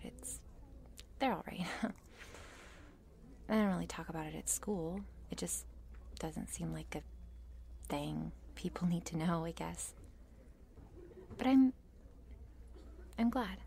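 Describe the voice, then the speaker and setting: A woman voicing a shy, meek cheerleader with a crush in an ASMR role-play, nervous and halting, in a soft breathy voice. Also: fairly low pitch, expressive, a little hiss or hum. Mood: hesitant, relieved. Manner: meek, nervous, halting, self-deprecating and apologetic.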